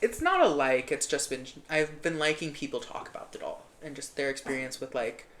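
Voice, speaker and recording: A young adult co-hosting a podcast in halting casual talk with many ums and restarts. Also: medium pitch, very animated, fairly bright tone. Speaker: podcast co-host. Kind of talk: casual chat. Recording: roomy echo with faint background noise.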